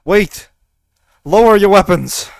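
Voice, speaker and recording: Guy doing a relieved commander shouting his thanks, smooth clear voice. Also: mid-range voice, a little slow, no echo, natural voice. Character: male commander Venceslav, relieved and earnest.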